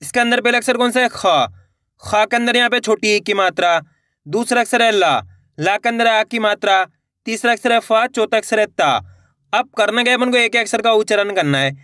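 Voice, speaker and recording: A man teaching Hindi reading, sounding out each syllable slowly before joining it into the full word, and encouraging viewers as friends. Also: high voice, sharp tone, no echo, clean studio sound. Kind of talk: slow syllable-by-syllable reading lesson.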